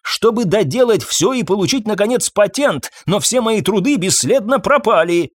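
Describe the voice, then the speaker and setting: A man voicing an agitated scientist who talks in excited, indignant outbursts. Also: high voice, moderate pace, no echo, clean studio sound, voice pushed up. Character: agitated male scientist, middle-aged, easily flustered.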